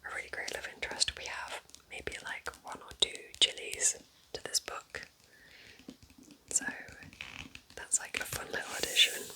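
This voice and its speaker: Book recommendations come from an ASMR host whispering softly and breathily without voicing, in a slow, mildly enthusiastic way. The audio is of low quality.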